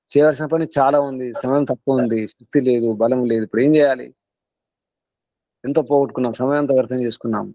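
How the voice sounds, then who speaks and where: An earnest Telugu guru leads a spiritual class and drives his points home through repetition. His mid-pitched voice comes through dry and slightly muffled. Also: dark tone, no room sound.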